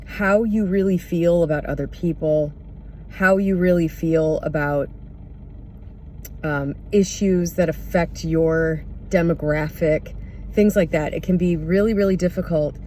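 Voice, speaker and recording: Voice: mid-range voice, fairly even intonation, measured pace, warm tone. Candid, hesitant speaker over background noise. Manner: candid, hesitant, searching for words. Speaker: podcast or vlog host. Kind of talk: unscripted reflective monologue.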